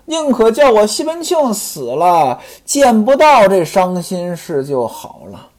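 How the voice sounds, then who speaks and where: A storyteller voicing a wealthy man who is heartbroken over his wife's death and laments loudly. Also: mid-range voice, very animated, a little slow. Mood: grieving. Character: grieving wealthy man, heartbroken and self-pitying.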